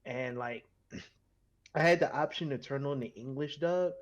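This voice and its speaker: A man's voice: mid-range voice, unhurried, lo-fi sound. A man co-hosting a podcast in casual, slangy conversation about anime. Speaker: podcast co-host.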